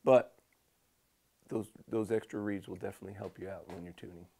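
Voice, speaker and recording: A man talks through practical how-to advice in a casual, conversational manner. His voice sits on the low side with a gravelly creak, and the tone is soft-edged and mellow. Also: steady tone, a little fast. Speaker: hunting pro staff instructor. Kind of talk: casual instructional talk.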